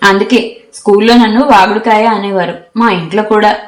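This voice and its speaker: A woman's voice: medium pitch, normal speed, roomy sound, lightly acted. A woman voicing a talkative, bold young woman college student who teases her new roommate. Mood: teasing. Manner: teasing, chatty.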